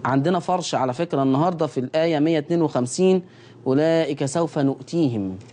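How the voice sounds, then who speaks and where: Mellow-voiced Egyptian man teaching recitation. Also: a little high, a little hiss or hum. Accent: Egyptian Arabic. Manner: repeats key phrases and sounds out letters slowly for viewers to copy. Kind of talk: televised recitation lesson.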